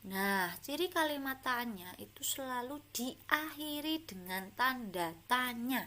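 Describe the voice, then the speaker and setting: A woman's voice: on the high side, expressive, slow, bright, forceful tone. A woman with an Indonesian accent teaching a primary school class, patiently working through many examples. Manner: patient, talks to pupils with many examples and fillers. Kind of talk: slow classroom explanation.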